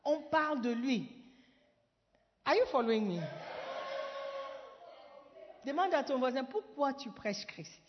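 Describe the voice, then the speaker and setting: A woman from Ghana preaching a sermon, putting questions to the congregation, moving between French and English and rising at times to shouting. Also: high voice, lively intonation, slow pace, long pauses, noisy background. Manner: rises to shouting declarations. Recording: dull echoey hall sound.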